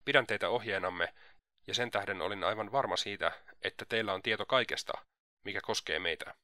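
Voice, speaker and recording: A man's voice: fairly low pitch, pushed and bright, no echo. A man reading a fretful aging mother. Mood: anxious. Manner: fretful, pleading.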